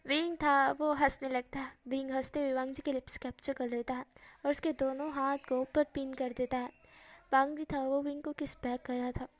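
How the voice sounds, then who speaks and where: A woman reading a fan fiction story aloud, narrating plainly and steadily. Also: sits high.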